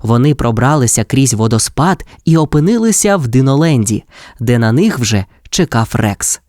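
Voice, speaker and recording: A storyteller reading a children's audio fairy tale in an expressive, lively way. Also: medium pitch, moderate pace, dry recording, clean studio sound.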